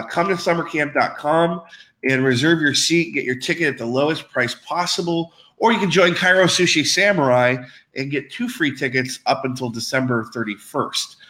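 Bright-voiced man hosting a casual show. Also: moderate pace. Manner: loose, filler-heavy, upbeat pitching. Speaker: podcast co-host. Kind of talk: casual promotional chat.

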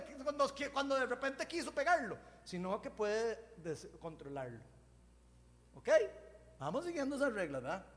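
A man preaching a sermon in a lively, joking, conversational way. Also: very high-pitched, in a large hall. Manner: animated, jokey, conversational preaching.

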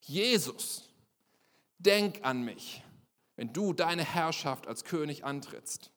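A repentant criminal , voiced by a male preacher, speaks slowly and earnestly, begging to be remembered. The voice is high and bright, and a long hall reverb trails every phrase. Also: sing-song, heavily acted. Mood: pleading.

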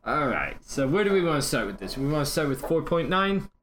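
A man's voice: a little high, very animated, a little fast, fairly bright tone, slight background noise. A man hosting a casual gaming podcast with playful, joking banter. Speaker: podcast host.

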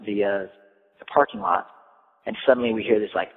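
A man's voice: fairly low pitch, very animated, brisk, vocal fry, long reverb tail. Casual male storyteller, loose and rambling, heard through a tinny phone-like line. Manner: rambling, full of "like" and "you know". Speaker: storyteller recounting a trip.

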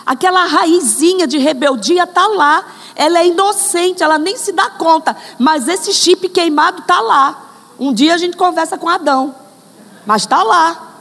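A woman's voice: very high-pitched, unhurried, fairly bright tone, in a large hall. A woman preaching a sermon, speaking straight to the congregation and acting out examples. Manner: addresses the congregation directly, acts out examples.

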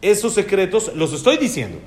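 A man's voice: sits high, big pitch swings, fairly quick, a little mellow. A man teaching a religious lesson on prayer, posing questions and answering them himself. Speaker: Torah teacher.

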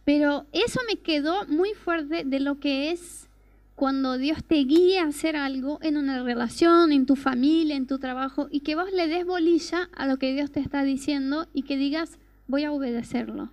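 A woman gives a personal testimony sermon. Her voice sits high, and she talks earnestly, often stopping to ask rhetorical questions. The sound is close and dry, with no room echo. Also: moderate pace. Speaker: preacher.

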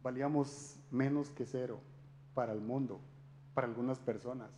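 A man's voice: mid-range voice, steady tone, moderate pace, darkish tone, slight background noise. A man giving a conversational sermon talk, speaking directly to his listeners with frequent rhetorical questions. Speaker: church speaker.

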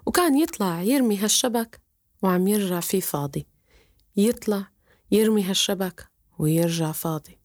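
A woman's voice: mid-range voice, a little mellow, no echo, studio quality. A woman telling a folk tale, repeating words for effect. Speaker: storyteller.

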